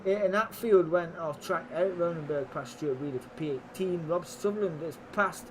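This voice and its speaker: Higher-voiced man commentating motorsport, noisy background. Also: moderate pace. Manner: informal, matey, excitable play-by-play with colloquial phrasing. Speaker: sim racing commentator and streamer. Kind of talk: live motorsport race commentary mixed with casual stream chat.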